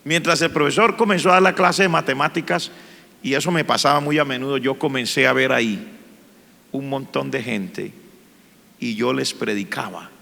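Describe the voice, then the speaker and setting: A man's voice: mid-range voice, moderate pace, vocal fry, pushed and bright, in a large hall. A man, a pastor telling his personal testimony in church with an earnest, emotional manner. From Colombia.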